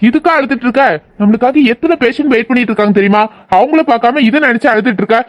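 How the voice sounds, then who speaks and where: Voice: medium pitch, dry recording, lo-fi sound, close to an everyday voice. A performer voicing a headstrong, defiant young male doctor who speaks assertively. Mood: firm. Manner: assertive, quick. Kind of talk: audio drama acting.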